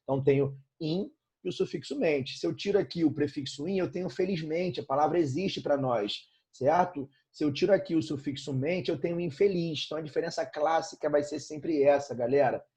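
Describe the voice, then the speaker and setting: A man's voice: on the high side, fairly quick, a little mellow, breathy edge. A Brazilian man teaching an informal online grammar lesson, repeating points and checking in with frequent tag questions. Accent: Brazilian Portuguese.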